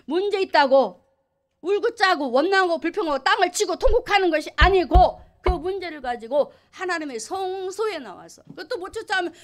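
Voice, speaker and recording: A woman's voice: very high voice, lively intonation, a little fast. A woman pastor preaching a sermon emphatically, asking the congregation questions.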